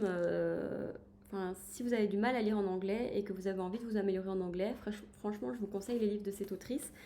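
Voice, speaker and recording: A woman's voice: medium pitch, mellow, a little hiss or hum. A woman chatting in a casual book-review livestream, enthusiastic and full of hesitations as she recommends books. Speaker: book streamer.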